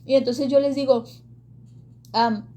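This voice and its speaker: A woman's voice: sits high, fairly even intonation, unhurried, dark tone. A woman giving an earnest, emotional faith testimony, with hesitant fillers. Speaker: ministry speaker giving testimony.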